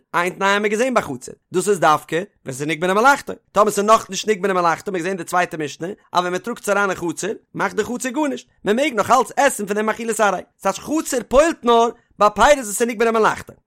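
A man's voice: high-pitched, fast talker, hardly any pauses, fairly bright tone. A man giving a Talmud lesson in Yiddish, explaining a text line by line in a sing-song study chant. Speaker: Talmud teacher.

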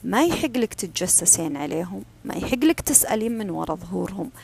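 A woman giving a calm, firm advice talk. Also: lowish voice, quick pace, gravelly, slightly rough. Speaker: self-help speaker. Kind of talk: advice talk on personal boundaries.

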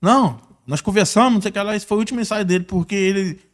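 A middle-aged man tells a story on a relaxed podcast, his voice high and his delivery rapid. He slips into other people's voices as he recounts what they said, and laughs easily. It is casual, lively storytelling. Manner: animated, acts out other people's lines, laughs often. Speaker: former music teacher and guest.

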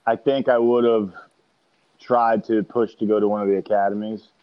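A man's voice: fairly low pitch, level tone, moderate pace, muffled recording. A man in his forties as an interview guest, talking in an easygoing, loose way. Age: 40s. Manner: easygoing, loose, laughs often. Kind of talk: casual interview chat.

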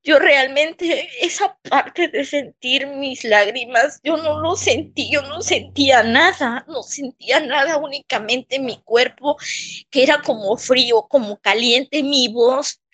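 Woman interviewee, high-pitched and unhurried, speaking in shaken, broken phrases. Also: fairly bright tone. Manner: halting, shaken, pausing often. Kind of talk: emotional personal testimony.

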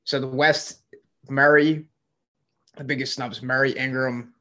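A man's voice: medium pitch, little pitch movement, a little slow, pushed and bright. A man with a mid-range voice co-hosts a sports podcast. He talks with enthusiasm and rambles, stacking fillers as he builds his points. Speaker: podcast co-host. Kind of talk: casual sports chat.

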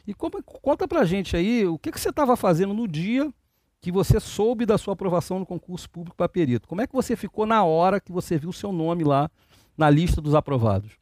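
A man's voice: high voice, expressive, brisk, a little mellow, dry recording, clean studio sound. Man hosting an interview. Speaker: interview host. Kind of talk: interview questions.

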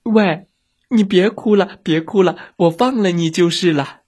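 Man doing a high, breathy little monster with a huge belly; childlike, fierce but kind-hearted; storybook audio. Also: measured pace. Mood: weepy. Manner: childlike, fierce then soft.

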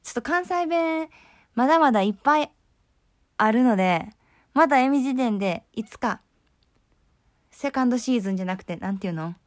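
A woman's voice: a little high, fairly quick, pauses often, no room sound, studio quality. A young woman with a Kansai accent hosting a casual solo talk show in a chatty, friendly way and laughing easily. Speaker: host.

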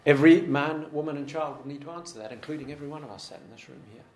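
A man's voice: a little high, very fast, darkish tone, roomy sound. A man preaching a sermon to a congregation in a room, earnest and repeating his points for emphasis.

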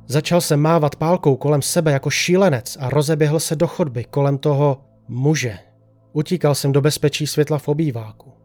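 A man narrates a first-person horror story in a slow, hushed, suspenseful voice of ordinary pitch for a man. He drops to near silence on the quiet moments. A faint music bed plays beneath his reading.

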